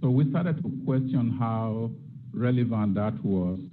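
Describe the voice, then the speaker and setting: Over narrow, tinny audio, a fairly low-pitched male voice moves at a measured pace. He is a middle-aged guest lecturer from Nigeria, reflectively posing rhetorical questions during an academic lecture.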